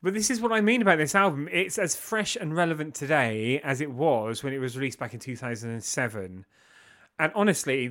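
A man's voice: mid-range voice, a bit bright. A man co-hosting a podcast, talking enthusiastically about an album in a casual chat. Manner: enthusiastic, gushing. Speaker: podcast co-host. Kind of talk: casual music review chat.

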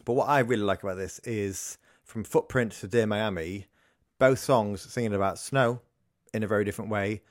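A man's voice: on the low side, moderate pace, dry recording. A man co-hosting a podcast, talking about music with a dry, wry humor. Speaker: podcast co-host. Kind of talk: casual music review chat.

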